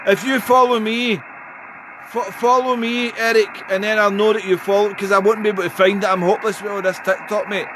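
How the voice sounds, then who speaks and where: Brisk and flat in delivery, a high-pitched man works amateur radio, calling out phonetic call signs amid friendly conversation. Clear radio noise underlies his contact calls and casual talk.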